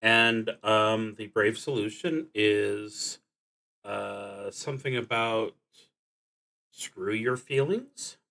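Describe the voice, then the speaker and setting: Streaming a solo roleplaying game, a man thinks aloud and reads cards out, often halting and trailing off while he figures things out. His lowish voice holds a steady tone that is bright and forceful.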